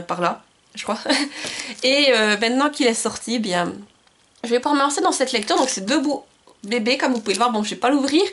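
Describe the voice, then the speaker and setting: A woman's voice: a little high, a little hiss or hum. A woman book vlogger chatting enthusiastically about books she received and bought, recorded on a camcorder. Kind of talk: casual book haul chat.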